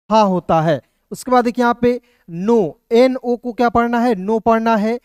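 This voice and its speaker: Guy teaching a video lesson, keeps asking quick questions and answering them himself, smooth clear voice, dry sound. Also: high voice, no echo. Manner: patient, repetitive step-by-step explaining. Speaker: English teacher.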